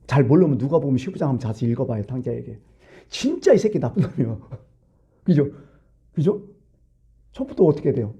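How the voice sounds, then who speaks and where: A man's voice: mid-range voice, very animated, a little fast, pauses often, dark tone. A middle-aged male pastor giving a sermon in a colloquial, storytelling way, full of rhetorical questions.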